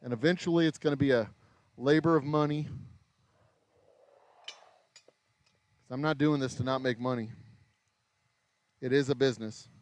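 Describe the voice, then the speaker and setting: An American man in his forties hosts a casual livestream while working in his small craft distillery shop, rambling, interrupting himself and swearing mildly. Hours of talking have made his voice a little raspy; it is medium-pitched and a little slow, with frequent pauses.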